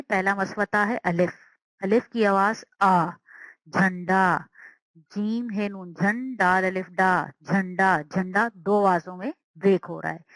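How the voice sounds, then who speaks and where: A woman teacher giving a slow, patient language lesson, sounding out words and repeating them. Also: medium pitch, a bit bright, no room sound, low-quality recording.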